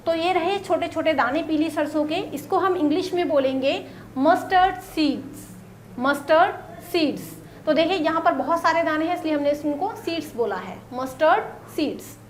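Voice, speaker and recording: A woman teaching vocabulary in a casual lesson, saying each word and then repeating it slowly for pronunciation. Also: high voice. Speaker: English teacher.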